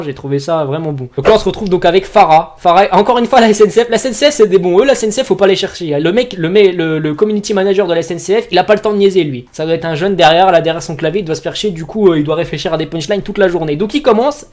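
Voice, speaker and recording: A young man hosting a casual comedy commentary, reading tweets aloud in a slangy, animated way. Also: sits high, quick pace, hardly any pauses. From France. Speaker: youtuber host.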